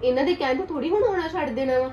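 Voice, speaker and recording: A woman's voice: high-pitched, rapid-fire, warm tone, highs cut off, faint music behind, lightly acted. A woman playing a young married niece who complains indignantly about her in-laws in a web series drama.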